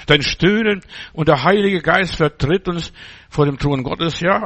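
An older man preaching a sermon with fervent, repetitive phrasing and halting restarts. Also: high voice, fairly bright tone.

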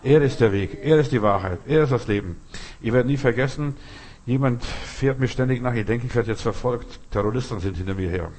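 A male pastor delivering a sermon in a mid-pitched voice. He drives his points home with repeated short phrases and talks directly to his listeners. He slows down deliberately on the lines he wants to land. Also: a little mellow. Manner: preaching with repetitive emphatic phrasing, addressing listeners as du.

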